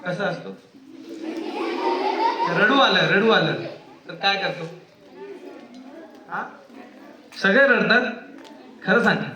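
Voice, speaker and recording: A child psychiatrist from India with a Marathi accent teaches young schoolchildren, asking them many questions and acting out children's voices. His voice sits high, and he speaks slowly with long pauses. The classroom is echoey, with children chattering.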